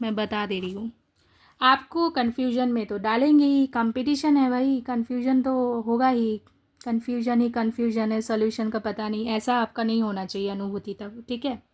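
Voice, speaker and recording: A young woman teaching an exam-prep English lesson, asking her students rhetorical questions and explaining the answers step by step. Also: on the high side. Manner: lively, rhetorical questions, mixes Hindi and English.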